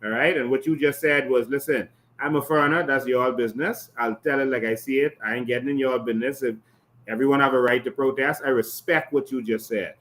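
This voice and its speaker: Reactive male interviewer, middle pitch. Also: fairly even intonation, brisk, fairly bright tone. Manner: reactive, drops frequent "wow" and "yeah". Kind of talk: casual interview conversation.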